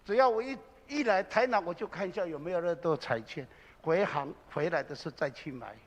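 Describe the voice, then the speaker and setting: Pastor guy preaching hard, high voice, loud bursts then quiet asides, big church reverb. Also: a little fast, dull audio. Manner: impassioned, swings from loud exclamations to low confiding asides. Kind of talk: sermon. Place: church sanctuary.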